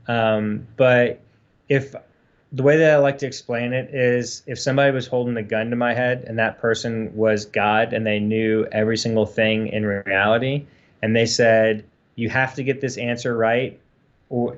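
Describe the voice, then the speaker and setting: A man's voice: medium pitch, dull audio. A man co-hosting a casual livestream chat, rambling earnestly with many fillers. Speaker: co-host.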